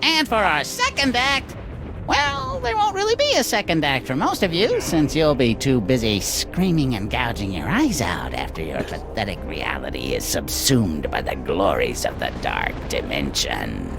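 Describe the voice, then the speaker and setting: A man voicing an evil ventriloquist dummy in a cartoon video game, with squeaky, theatrical, gleefully menacing emcee patter. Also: very animated, moderate pace, gravelly, over music. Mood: showman menace.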